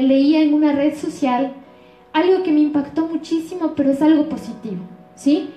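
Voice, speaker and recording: A woman's voice: high voice, warm tone, echoey room. A woman pastor with an Ecuadorian accent giving a sermon, often asking the congregation rhetorical questions. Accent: Ecuadorian Spanish.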